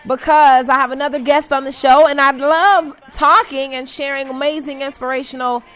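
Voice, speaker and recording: A woman hosts an inspirational talk radio show in a slightly high voice. She talks in an upbeat, teasing way and catches her own slips. Faint music plays underneath. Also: fairly even intonation, normal speed, a bit bright. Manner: stumbles and corrects herself.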